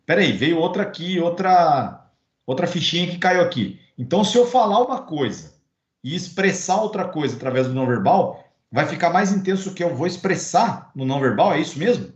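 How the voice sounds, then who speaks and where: A man's voice: fairly high pitch, animated, natural voice. Man voicing an eager questioning student. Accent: Brazilian Portuguese. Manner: quick doubting questions checking understanding. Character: curious adult student asking eager questions. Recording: roomy, dull recording.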